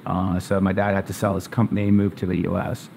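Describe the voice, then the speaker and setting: This interview guest, a family physician born in Zambia and raised in New Jersey, speaks in a deep, creaky, darkish voice with a completely flat, brisk delivery. He answers plainly yet hesitantly, with many uh's and um's, and there's slight background noise.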